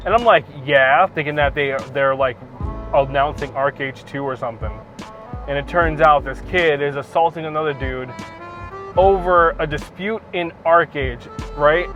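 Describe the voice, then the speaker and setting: A man from New Jersey with an American accent, talking in a halting, emphatic, incredulous way in a casual gaming vlog. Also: mid-range voice, a bit bright, dull audio. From New Jersey, USA. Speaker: gaming content creator. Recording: music behind the voice.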